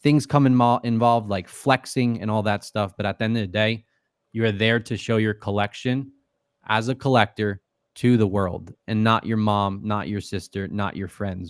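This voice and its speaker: In studio-quality audio with no echo, a lowish-voiced man chats as a podcast guest, his interview talk loose, full of fillers, and peppered with swearing.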